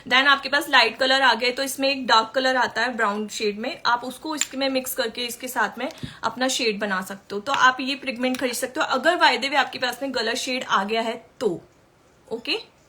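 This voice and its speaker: A woman's voice: sits high, moderate pace, sharp tone. A woman makeup artist teaching makeup in a chatty way during a live-stream tutorial, answering viewer questions as she works.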